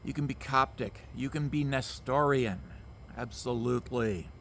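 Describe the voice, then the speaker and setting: A man's voice: medium pitch, moderate pace, creaky, a bit bright, a little hiss or hum. A man, ranting emphatically to camera outdoors, repeating himself and swearing. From Canada. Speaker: vlogger. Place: outdoors among mosquitoes.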